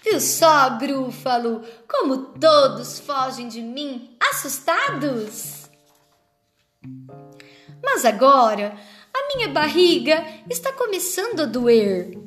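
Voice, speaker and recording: A woman voicing a small, clever, boastful mouse in a storybook reading, with a high, cheeky delivery. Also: sing-song, takes it slowly, fairly bright tone, soft background music, full character voice. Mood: cheeky, proud.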